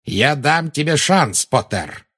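Shrill screeching witch voiced by a man, very high, frantic, audiobook. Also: big pitch swings, unhurried, fairly bright tone, husky, heavily acted. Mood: taunting. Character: shrieking frantic female witch, fanatical.

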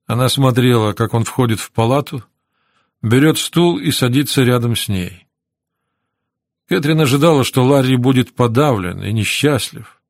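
Male narrator, audiobook, measured even reading, mid pitch, dry close studio mic. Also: dry recording. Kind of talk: scripted narration.

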